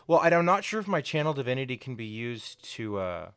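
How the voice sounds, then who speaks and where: Man, mid-pitched, resonant and dry, a rules-checking player. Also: very animated, fairly quick, fairly bright tone, smooth, dry recording. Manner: thinks aloud, checking rules as he goes. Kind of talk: tabletop game play.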